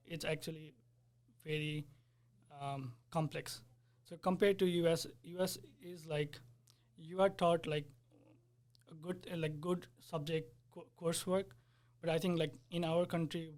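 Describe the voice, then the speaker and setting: A Nepali software developer in his 20s, whose first language is Nepali, speaks in a flat, earnest, fairly high voice during a casual interview. He explains things sincerely while searching for words.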